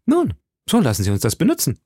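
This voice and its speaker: A man's voice: fairly high pitch, wildly swooping pitch, quick pace, warm tone, no echo, studio quality, voice pushed up. A man voicing a bold young musketeer who speaks eagerly and commits at once, in a German audiobook reading. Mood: lively.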